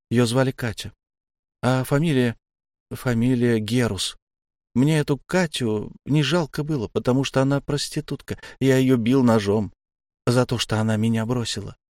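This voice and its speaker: A man's voice: medium pitch, darkish tone, no echo, clean studio sound, natural voice. A man voicing an anxious male psychiatric patient who mumbles and swallows syllables, in a storybook reading. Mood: flat confessing.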